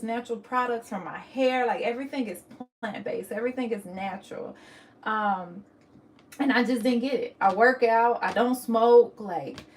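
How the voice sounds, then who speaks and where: A woman's voice: mid-range voice, a little mellow. A young woman telling a personal story on her vlog, emotional and candid, often restarting her sentences. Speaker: vlogger.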